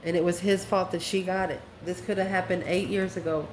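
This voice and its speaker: A lower-voiced woman with little pitch movement speaks briskly while hosting a casual tarot reading on her channel. She uses a folksy, emphatic manner and endearing names for listeners. There's a roomy echo and some faint background noise.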